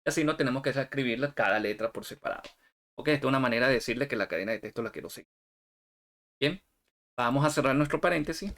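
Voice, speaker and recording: A man teaching a software screencast, talking viewers through each step and checking in with "ok?" as he goes. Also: mid-range voice. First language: Spanish. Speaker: instructor.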